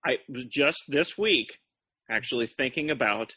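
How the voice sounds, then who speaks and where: A man's voice: medium pitch, moderate pace, sharp tone, breathy edge, dry recording. A man appearing as a guest on a casual car podcast, giving short replies and laughing easily.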